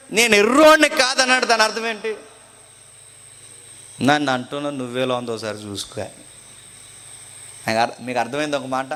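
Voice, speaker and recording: High, bright-voiced preacher man. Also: a little hiss or hum. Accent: Telugu. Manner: dramatic, acts out a courtroom scene, asks the congregation questions. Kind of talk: animated live sermon.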